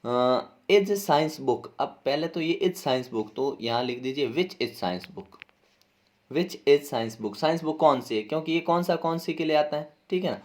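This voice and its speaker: A man's voice: on the high side, moderate pace, hardly any pauses, a little mellow. A man teaching a class lesson as he walks through an exam paper, explaining each answer step by step and spelling words out letter by letter, with a Hindi accent. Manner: explains step by step, keeps asking "ठीक है ना".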